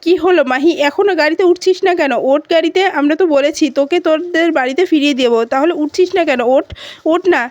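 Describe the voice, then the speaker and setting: A woman's voice: high-pitched, quick pace, darkish tone, dry recording, lo-fi sound, natural voice. A woman reading as bullying young thugs. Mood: threatening.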